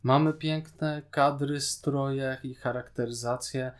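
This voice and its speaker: Medium-pitched and steady, his voice moves slowly as he co-hosts a podcast. He gives a casual, sarcastic and opinionated critique of a TV series.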